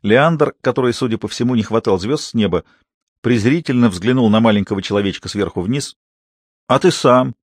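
A man reading a novel aloud as scripted narration, expressive and animated. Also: fairly quick, no room sound, clean studio sound. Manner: expressive reading, rising pitch for quoted speech. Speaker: audiobook reader.

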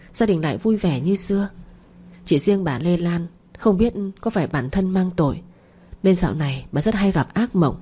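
A woman narrating a dramatic family story in a steady, expressive way. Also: on the low side, husky.

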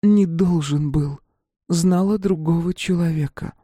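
A reproachful wife's voice rises in broken, accusing fragments from beneath the rubble, as a man reads her. The pitch sits well above his usual speech, and the delivery is dry and close. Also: measured pace, dark tone, no room sound.

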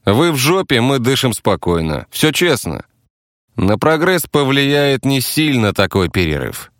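A coarse, defiant captive thug who swears constantly and talks down to everyone, as a male narrator puts him on. His voice sits noticeably higher than the narrator's own and swings widely in pitch. The recording is dry and close, with no room sound. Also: sing-song, unhurried, fairly bright tone, no room sound. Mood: blustering. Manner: coarse, swearing, blustering, addresses others as brother. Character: crude defiant male captive gang fighter.

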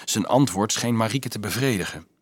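Husky low-voiced man reading a novel. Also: brisk, no echo. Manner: expressive reading, lifts his voice for the characters' lines. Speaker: audiobook narrator.

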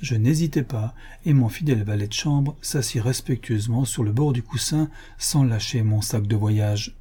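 A man narrating a classic novel audiobook in a measured, expressive reading. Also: mid-range voice, slightly rough.

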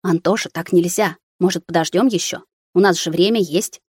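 A shy young student girl, hesitant and gentle, as a woman reads her. Her voice sits lowish and the sound is dry. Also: moderate pace, breathy edge, no echo. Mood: anxious. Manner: hesitant, soft-spoken.

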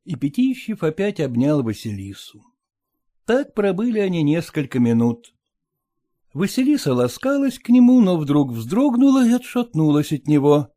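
A man reading the narration of an audiobook in a low, calm, even voice. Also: moderate pace. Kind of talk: scripted narration.

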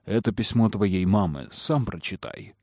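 A man playing a cold, manipulative noble father who speaks slowly and firmly. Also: on the low side, animated, a little mellow, dry recording, studio quality. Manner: slow, firm, measured. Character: cold powerful aristocratic father, calm and manipulative.

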